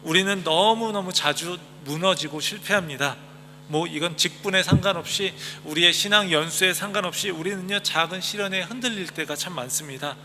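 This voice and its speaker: A man, a pastor, giving a sermon in a gentle, conversational way with soft polite endings, recorded in a church sanctuary. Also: high voice, fairly quick. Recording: echoey hall with faint hum.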